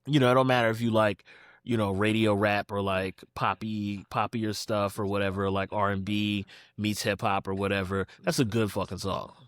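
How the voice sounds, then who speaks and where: A man's voice: fairly low pitch, normal speed, no room sound. Laid-back Philadelphia man, dry sound. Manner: relaxed, lots of fillers, acts out quotes. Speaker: guest. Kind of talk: casual conversation.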